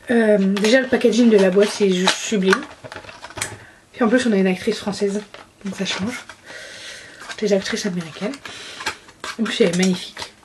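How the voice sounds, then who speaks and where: A woman's voice: mid-range voice, a little mellow, slight background noise. A young woman in a casual beauty haul video, talking enthusiastically and often gushing over products. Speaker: beauty vlogger.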